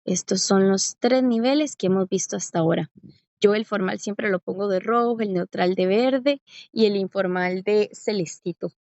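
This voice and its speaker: Her medium-pitched voice is gravelly and a touch mellow as this Costa Rican woman teaches Korean, slowing down to stretch and spell out examples and repeatedly asking, with a rising tone, whether the class is keeping up. The sound is dry, close-miked, slightly muffled and free of room noise.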